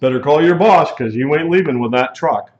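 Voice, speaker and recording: A stern state trooper scolds a young truck driver in a blunt, folksy, talking-down way, as a driving instructor acts him out. The voice sits a little high for a man. It comes through a dull, lo-fi classroom recording. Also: animated, a little fast, echoey room, close to an everyday voice.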